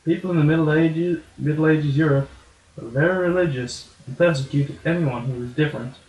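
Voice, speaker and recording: A man with a slightly high voice narrates an educational puppet comedy from a script. The room echo is strong. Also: brisk, a little mellow. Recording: echoey room.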